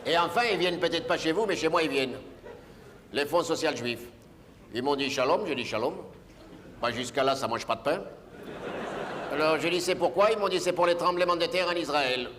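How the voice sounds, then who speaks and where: A man's voice: fairly high pitch, fairly quick, pauses often. An older man performing a comic stage monologue, rambling and grumbling, with constant asides to the audience. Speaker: comedian. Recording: live stage recording with long reverb and faint noise.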